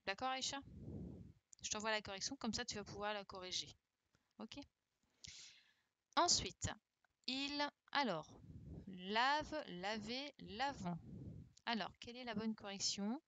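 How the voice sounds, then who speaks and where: A woman's voice: mid-range voice, lively intonation, measured pace, pauses often, pushed and bright, no echo. Patient woman teacher running an online class. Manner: patient and encouraging, often checks with "d'accord?"; spells out word endings letter by letter. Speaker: primary school teacher. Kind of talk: online class, correcting exercises with pupils. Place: home, virtual classroom.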